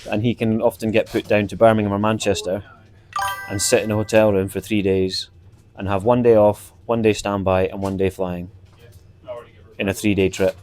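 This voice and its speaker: Male host, low-pitched, loose rambling chat style with lots of ums. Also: level tone, normal speed, a little mellow, faint music behind. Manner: rambling, many fillers. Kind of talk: casual chat.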